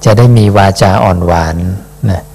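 A male Buddhist monk reads scripture aloud and explains it in an unhurried dhamma talk, ending his phrases with a soft questioning particle.

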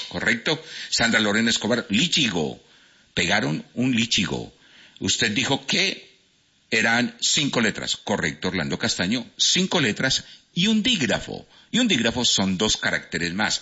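A man's voice: lowish voice, pushed and bright, slightly rough. A man with a Cali Colombian accent hosting a live radio quiz, playful and teasing as he reads out listeners' answers. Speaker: radio host. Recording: lo-fi radio broadcast.

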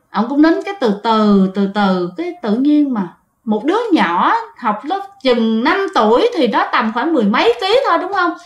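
A woman telling a ghost story in a chatty way, talking straight to her listeners. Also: high-pitched. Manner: chatty, addresses listeners directly. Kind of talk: casual ghost story narration. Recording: roomy echo.

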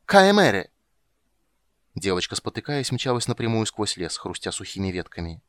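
Low-voiced man narrating an audiobook. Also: fairly quick, a bit bright, no echo. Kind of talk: scripted narration.

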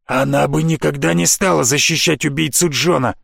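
Brief: narrator playing a hot-headed assassin for a storybook, gravelly and snarling, slightly raised pitch. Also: male voice, fairly even intonation, moderate pace, no echo, studio quality, exaggerated voice. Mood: enraged. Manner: shouting, rough and aggressive. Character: furious young male assassin, blunt and sarcastic.

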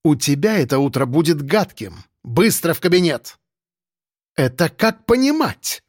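A furious middle-aged woman boss, put on by a male narrator barks coarse reproaches at a subordinate. Her voice is pushed up high and loud, with hard, scolding bursts. The recording is close and dry. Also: sing-song, a little slow, husky, no room sound, exaggerated voice. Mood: stern.

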